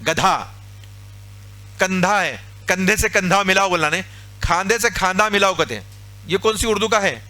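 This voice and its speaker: A man preaching, his voice sitting high. He talks in a lively, chatty way and acts out little everyday scenes. The tone is bright and ringing. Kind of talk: Urdu sermon. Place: mosque.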